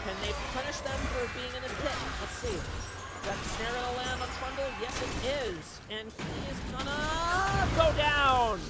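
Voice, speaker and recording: A high-pitched man calls a live esports match with quick, excitable play-by-play, his voice jumping up whenever a fight breaks out. Loud music plays underneath him the whole time. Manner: excitable, rises sharply during fights. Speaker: esports caster.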